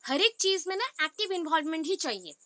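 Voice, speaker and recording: An Indian woman teacher giving an exam-prep lecture, explaining step by step, reading English points slowly and checking in with listeners. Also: extremely high pitch, very animated, a bit bright, no room sound.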